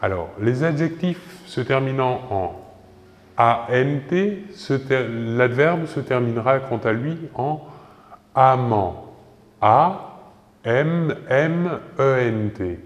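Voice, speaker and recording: A man teaching a French grammar lesson slowly, spelling words out letter by letter and checking in with "ok". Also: mid-range voice, animated. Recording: echoey room with long reverb.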